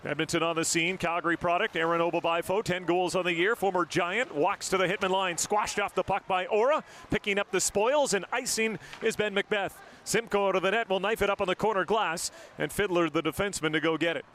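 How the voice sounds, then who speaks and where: A man's voice: high-pitched, fairly even intonation, brisk, fairly bright tone, a little hiss or hum. A man doing live hockey play-by-play on a broadcast mic, rattling off each pass and shot in short, clipped calls. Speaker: play-by-play announcer.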